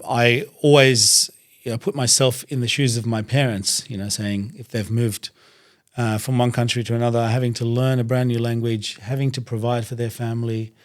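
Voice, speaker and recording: A young man from Iraq whose first language is Arabic, speaking as a guest in a studio interview. His voice sits in an ordinary middle register, and he talks in a steady, thoughtful way, pausing often as he recalls things. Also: mid-range voice. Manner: thoughtful, measured, pauses to gather words. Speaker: guest, doctor and reciter. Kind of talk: conversational interview.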